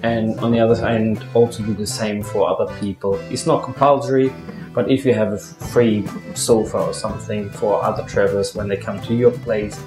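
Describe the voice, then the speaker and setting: Male interviewee, local organizer, chatty and halting, roomy sound, music clearly underneath. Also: fairly low pitch, steady tone. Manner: chatty, searching for words. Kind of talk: documentary interview.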